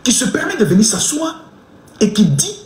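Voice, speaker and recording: Ranting man, high and animated. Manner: insulting, shouting tirade with mocking laughter; animated, swings between chanting and fast talk. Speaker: online commentator. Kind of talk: ranting live commentary. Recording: echoey room.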